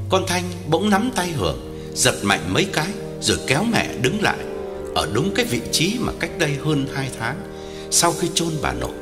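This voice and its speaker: A man narrating a ghost story as a storyteller, dramatic and highly varied in delivery. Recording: long hall reverb, music underneath.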